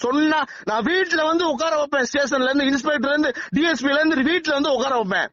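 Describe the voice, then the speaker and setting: A man's voice: very high voice, fast, a bit bright, no room sound. Threatening man heard over a phone line. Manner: threatening, insistent, repeats demands. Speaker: legislator on a phone call. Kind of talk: heated private phone call. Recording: muffled phone call recording.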